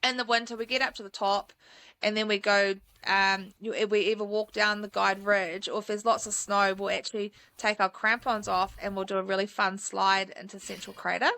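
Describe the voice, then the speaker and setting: A woman's voice: medium pitch, flat delivery, moderate pace, creaky, sharp tone, no room sound. A woman, a mountain guide chatting enthusiastically as a podcast guest, with lots of fillers. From New Zealand. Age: 30s. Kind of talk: casual interview chat.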